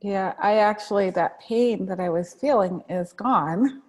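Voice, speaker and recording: A woman tapping practitioner who leads slow spoken affirmations, then chats and giggles with her co-host. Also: mid-range voice, darkish tone. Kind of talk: guided tapping affirmations, then casual chat.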